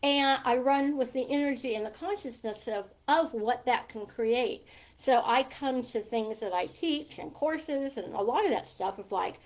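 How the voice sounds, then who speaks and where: A woman's voice: a little high, lively intonation, moderate pace, few pauses, a little mellow, rough recording. A middle-aged or older woman with a lisp and whistling s, chatting casually and informally to viewers as a coach hosting a livestream, with rambling asides. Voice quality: lisp with whistling, slushy s from a gap in her teeth.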